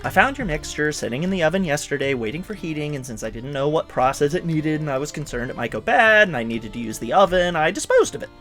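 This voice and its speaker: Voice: mid-range voice, sing-song, fast talker, few pauses, a bit bright, soft background music. An actor playing an oblivious, eccentric scientist in their thirties, earnest and theatrical in comic dialogue. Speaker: actor in a comedy sketch.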